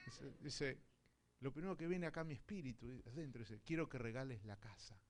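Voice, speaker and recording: A man from Argentina with an Argentine accent preaching a sermon, telling stories and acting out dialogue, swinging from hushed to loud. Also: mid-range voice, fairly quick, a little hiss or hum. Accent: Argentine Spanish. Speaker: visiting apostle preaching.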